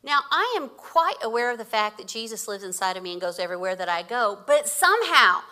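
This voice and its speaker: A woman's voice: a little high, fairly quick. A woman, preaching as a guest speaker and telling stories with frequent laughter. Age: 50s. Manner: animated storytelling with laughter. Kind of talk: sermon.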